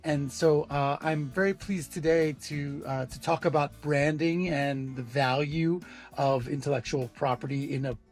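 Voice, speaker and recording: A man, a lawyer hosting a podcast, asking questions in a polite, measured way with frequent fillers. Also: a little high, fairly even intonation, darkish tone, faint music behind. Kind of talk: interview hosting.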